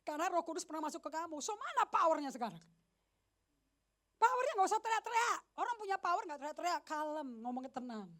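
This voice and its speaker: A woman pastor giving a lively, joking sermon at a church service, slipping in English phrases and often asking the congregation questions. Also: very high-pitched, quick pace. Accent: Indonesian. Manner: animated, mixes English phrases, jokes with the congregation.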